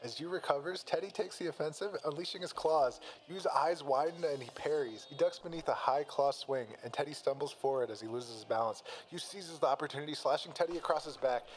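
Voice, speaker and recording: A man's voice: a little high, brisk, few pauses, low-quality recording. A man reading a fan-written fight story aloud and breaking off to comment. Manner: reads plainly, breaks off to laugh and comment. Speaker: story reader and reactor.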